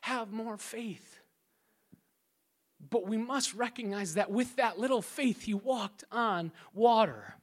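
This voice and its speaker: Lively preacher man acting out scripture. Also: high-pitched, measured pace, hardly any pauses. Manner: lively preaching that drops to a hushed, prayerful tone in quoted prayers; acts out scripture scenes and crowd voices with playful sound effects. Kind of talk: sermon.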